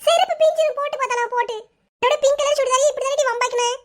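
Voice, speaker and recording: Shrill jealous big sister, cartoon, southern Tamil Nadu accent, voiced by a woman. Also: steady tone, very fast. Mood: scolding. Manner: shrill, complaining, sulky. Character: whiny jealous teen older sister. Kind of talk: cartoon voice acting.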